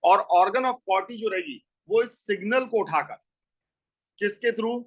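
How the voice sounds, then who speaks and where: A man with a high, fairly bright voice teaches a school biology lesson, speaking slowly and with animation. He explains things step by step, posing questions and answering them himself. The recording is low quality.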